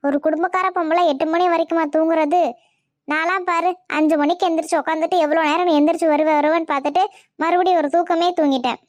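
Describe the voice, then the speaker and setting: A woman's voice: extremely high pitch, fairly even intonation, fast talker, no room sound. A woman playing a bossy mother-in-law who berates her daughter-in-law in a comedy family skit. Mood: scolding. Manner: nagging, berating, scornful. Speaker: skit actor.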